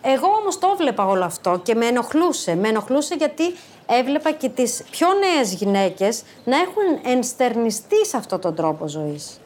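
A woman in her fifties, a former social worker, telling a personal story to an audience in a lively, animated way. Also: a little high, a little hiss or hum. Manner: lively, animated, acts out quoted voices.

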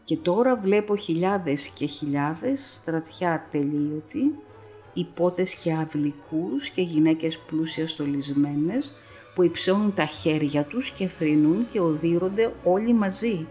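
A terrified old scholar stammers out his visions, fearful and trembling, as a woman narrator reads him. The voice stays low and a little slowed, with faint music beneath this storybook reading. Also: mellow, lightly acted. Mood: awed, fearful.

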